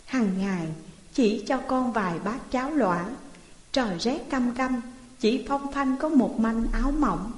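A woman's voice: fairly high pitch, a little slow, natural voice. A pitiful, mistreated orphan boy of thirteen in a spoken folk tale, voiced by a woman reader. He pleads in a tearful voice. The sound carries a long, roomy reverb. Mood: grieving.

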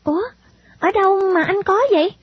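A woman's voice: very high voice, a little fast, voice pushed up. A woman voicing a poor, timid young girl, in a storybook reading. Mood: puzzled. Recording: dull lo-fi recording.

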